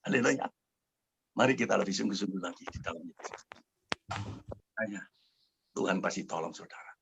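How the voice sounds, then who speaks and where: An older man preaching and telling his own story to a congregation on a video call, fervent and swinging from quiet to loud. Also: low voice, a little fast, gravelly, noisy background. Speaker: pastor. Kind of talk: sermon with testimony.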